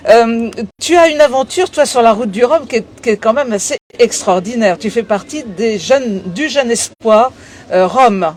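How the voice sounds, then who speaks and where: A woman interviews someone on location aboard a sailing boat in port, with noticeable background noise. Her voice is fairly high, animated and a little mellow, at a moderate pace.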